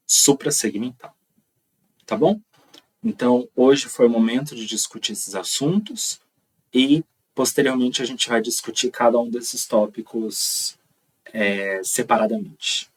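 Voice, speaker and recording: Husky Brazilian teacher, tá-peppered lecture. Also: male voice, mid-range voice, recorded from a distance, rough recording. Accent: Brazilian Portuguese. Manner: explanatory, checks in with frequent "tá?". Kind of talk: recorded online lecture.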